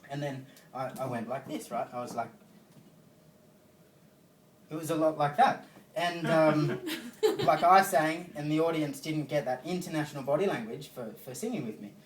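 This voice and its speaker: A man's voice: on the high side, normal speed, pauses often. An Australian man doing a stand-up comedy set, telling a rambling story loosely, with fillers and swearing. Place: comedy venue stage. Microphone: phone recording from the audience. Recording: roomy, distant phone recording with faint noise.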